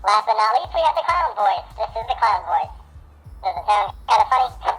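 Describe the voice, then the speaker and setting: A man speaking through a doorbell voice changer set to a clown voice, squeaky and processed, played back through the doorbell speaker. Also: very animated, fairly quick, fairly bright tone, soft background music, poor audio. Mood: goofy. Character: silly squeaky clown, male. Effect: voice-changer clown filter.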